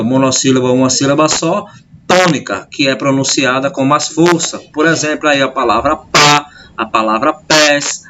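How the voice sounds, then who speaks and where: A man's voice: a little high, fairly bright tone. A male teacher, explaining a grammar lesson step by step and often checking in with his pupils in a recorded video lesson. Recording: dull lo-fi sound with faint noise.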